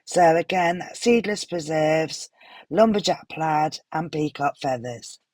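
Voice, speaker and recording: A woman with a hoarse, unwell voice, gently narrating a craft tutorial voiceover with some apologetic pauses. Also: low voice, no echo. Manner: gentle, apologetic, stops for fillers. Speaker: card-making tutorial host.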